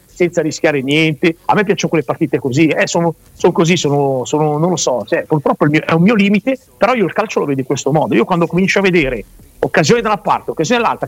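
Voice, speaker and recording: A man's voice: a little high, no echo. A middle-aged man talking football in a casual, rambling, self-mocking way, often repeating himself. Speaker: pundit.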